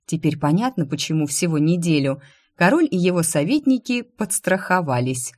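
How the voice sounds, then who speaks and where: A woman narrating a fantasy audiobook in the first person, lively and expressive. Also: lowish voice, moderate pace.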